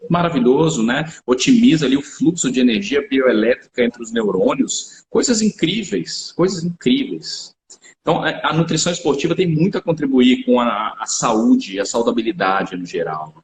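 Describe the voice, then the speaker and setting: A man's voice: mid-range voice, moderate pace, vocal fry, crowd noise. A man explaining health topics in a live-stream conversation, lecturing and often checking in with tag questions. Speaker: researcher and supplement company founder. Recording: echoey room with faint background noise.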